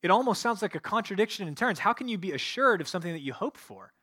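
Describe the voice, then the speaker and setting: A male pastor delivers a sermon, reading scripture passages aloud and then explaining them verse by verse. His voice sits somewhat high for a man. The sound is dry, with little room echo. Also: expressive, fast, bright, forceful tone.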